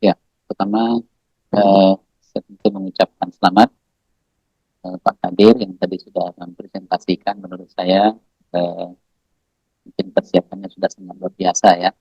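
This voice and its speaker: A man with a fairly low, gravelly voice gives halting feedback at an online seminar, pausing often mid-sentence. His audio comes through a video call on a bad connection that keeps fading and dropping him out. The sound is close and dry. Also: level tone, no echo, muffled recording. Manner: halting, full of hesitations. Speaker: seminar reviewer giving feedback.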